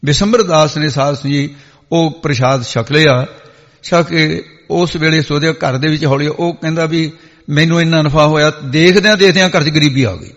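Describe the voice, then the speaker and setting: A man delivers a sermon as a flowing story, breaking into sung scripture lines along the way. His voice sits somewhat high for a man. The sound is muffled and trails off in a long hall reverb. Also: moderate pace, a bit bright. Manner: storytelling, sings scripture verses. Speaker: Sikh preacher.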